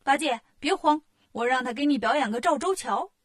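A woman voicing a bold, clever male monkey king in a children's storybook reading, talking in a brisk, commanding way. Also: sits high, animated, no room sound, clean studio sound.

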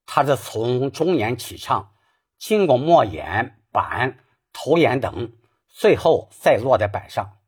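A man teaching Peking opera singing, taking each point of technique in turn. His voice is a little husky, and his pitch moves a lot as he speaks. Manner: patient, explains technique step by step. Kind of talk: spoken singing lesson.

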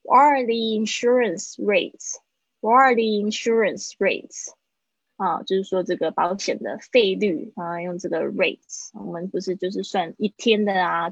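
A woman teaches English in a livestream lesson. Her voice is a bit breathy, at a middle pitch. She says the phrases slowly, then explains them briskly, and the dry recording sounds slightly muffled. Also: dry recording. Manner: slow drilled English phrases between quick Mandarin explanations.

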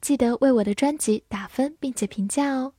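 Woman English teacher, slightly high, breathy, dry close sound; patient, repeats words. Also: brisk, warm tone, no room sound. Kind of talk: vocabulary lesson.

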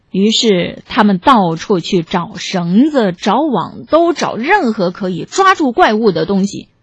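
A woman reading a picture-book story aloud for children in a gentle, animated way. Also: on the high side, slightly rough, no echo, muffled recording.

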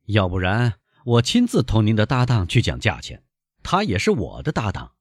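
A man reading aloud, voicing a calm, shrewd young gentleman who teases and bargains. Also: on the low side, moderate pace, no echo, studio quality, pitched above the performer's own voice. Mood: bargaining. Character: young gentleman, calm, knowing, quick-witted.

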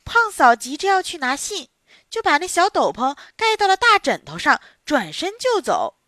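Children's story narrator: a woman with a highish, bright, expressive voice, drawn-out sing-song phrasing. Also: no echo, clean studio sound.

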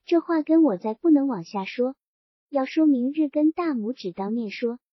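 An earnest, loyal young bandit who answers quickly and speaks from the heart, as a woman reading the story puts him on. The voice is husky and rather high. The recording sounds dull and lo-fi. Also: expressive, no room sound.

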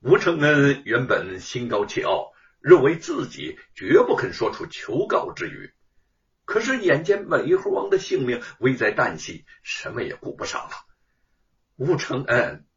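Animated male storyteller, dull distant recording. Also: medium pitch, normal speed. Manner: dramatic, sing-song delivery. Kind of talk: traditional oral storytelling.

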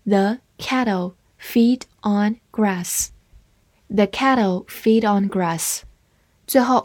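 Slow, careful woman teaching vocabulary. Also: medium pitch, darkish tone, no room sound. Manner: spells words letter by letter and repeats them slowly. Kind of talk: slow, spelled-out vocabulary lesson.

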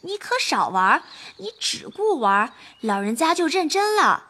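A woman's voice: high voice, very animated, normal speed, bright, forceful tone, heavily acted. An actress voicing a put-upon young maid girl who protests in a pleading tone. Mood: protesting. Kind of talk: audio drama acting.

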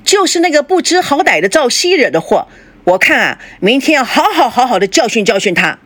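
A woman's voice: medium pitch, very animated, measured pace, fairly bright tone, no echo. A woman voicing a doting middle-aged father who coaxes his daughter in a sing-song way and grumbles about her boyfriend. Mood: grumbling.

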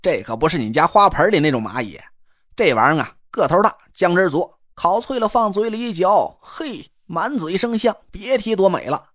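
A man's voice: high voice, animated, moderate pace, fairly bright tone, no room sound, studio quality. A man voicing a cocky, joking young man who teases his friend while cooking. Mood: teasing. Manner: teasing, boastful, chatty slang. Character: cocky joking young male camp cook. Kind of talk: audiobook character voice.

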